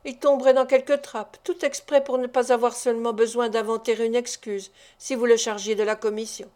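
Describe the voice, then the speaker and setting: A woman's voice: fairly high pitch, flat delivery, fairly quick, darkish tone, natural voice. Sikes, a woman reading a bitter sick thief. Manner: growling, bitter. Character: sick, bitter male thief, grumbling and menacing.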